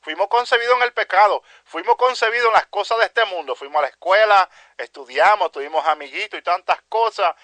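High-voiced impassioned Spanish-language preacher. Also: male voice, fairly quick, few pauses, bright, forceful tone, no echo. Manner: peppers speech with "aleluya" and "santo Dios", addresses "mi hermano"; impassioned, repetitive preaching cadence. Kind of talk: fervent evangelical sermon.

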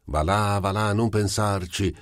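A man's voice: sits low, animated, a little slow, darkish tone, breathy edge, no room sound, clean studio sound, voice pushed up, full character voice. A man voicing an evasive, joking friend. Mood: offhand.

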